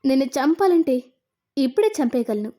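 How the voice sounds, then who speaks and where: A woman's voice: high-pitched, animated, brisk, dark tone. A woman voicing a threatening male captor, in a retold serial. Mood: menacing. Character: menacing male captor, young man.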